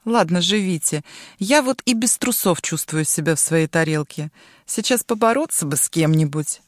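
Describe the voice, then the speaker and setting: A woman's voice: lowish voice, lively intonation, normal speed, dry recording, clean studio sound, natural voice. A woman voicing a brash, bossy girl turned into a dragon, mocking and domineering. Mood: menacing.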